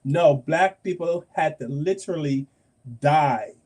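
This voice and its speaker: A man from Barbados hosts a talk show and lays out his point with fervor. He leans on repetition to drive things home, and his voice sits a little higher than most men's. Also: slow, darkish tone. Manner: emphatic, repeats phrases for force. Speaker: host. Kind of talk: passionate podcast commentary.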